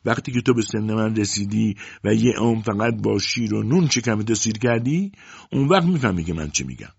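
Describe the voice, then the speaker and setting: A man voicing a strong, stingy, greedy middle-aged mother who scolds and shouts at her daughter in a storybook reading. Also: lowish voice, lively intonation, creaky, slightly rough, no room sound, pitched above the performer's own voice, full character voice. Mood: stern. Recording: dull dry lo-fi audiobook recording.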